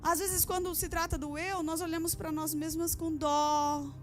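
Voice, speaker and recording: A woman's voice: very high-pitched, level tone, normal speed, faint music behind. A woman pastor preaching a sermon to a church congregation, driving her points home with repeated phrases and rhetorical questions. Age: adult with a daughter. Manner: addresses the women of the congregation directly. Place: church service.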